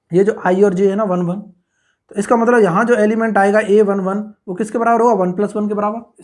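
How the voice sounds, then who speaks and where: A woman tutor giving an exam-prep math lecture at a board, mixing English terms into her speech and often asking the class whether it is clear before answering her own questions. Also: mid-range voice, darkish tone. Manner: mixes English terms into Hindi.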